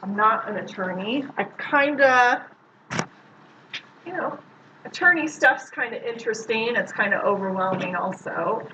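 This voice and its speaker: A woman's voice: on the high side, measured pace. A woman, a social worker, giving a casual classroom lecture and quizzing the audience. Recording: muffled lo-fi recording with loud background noise.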